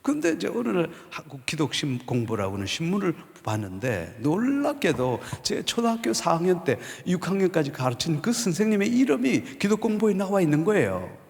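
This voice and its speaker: A man in his fifties, a pastor, giving an animated storytelling sermon testimony in a church. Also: high voice, brisk, vocal fry, few pauses. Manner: animated storytelling, acts out quoted voices. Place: church sanctuary. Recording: long church hall reverb.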